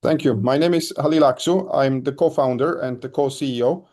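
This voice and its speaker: A man, speaking as a podcast guest in a measured way with frequent ums. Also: mid-range voice, darkish tone. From Germany. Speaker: guest, company co-founder. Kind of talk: podcast interview.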